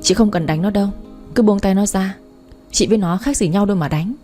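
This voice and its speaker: A woman's voice: medium pitch, brisk, dark tone, faint music behind, natural voice. A woman reading an audiobook, voicing a stern, furious middle-aged father who scolds his daughter. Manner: scolding, accusing.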